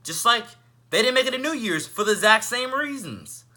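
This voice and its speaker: A man's voice: very high-pitched, animated, moderate pace. A young man from Northeast Florida delivering a passionate, preachy rant to camera in an emphatic, anchor-like delivery. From Northeast Florida, United States. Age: young adult. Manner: emphatic, repeats "ladies and gentlemen", anchor-like delivery. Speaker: vlogger.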